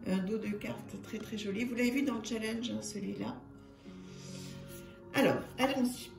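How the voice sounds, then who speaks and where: Showing a tarot deck on her own channel, this French host keeps things casual and chatty, full of fillers and repetition. Her voice is a little high and gravelly, moving at a normal speed. Behind her, soft music plays in an echoey space.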